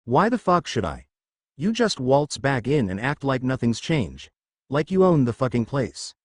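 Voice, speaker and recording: A man's voice: medium pitch, sing-song, a little slow, no echo, studio quality. A man reading the lines of a drunk, furious young woman who snarls and taunts, in an audiobook-style story reading. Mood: raging.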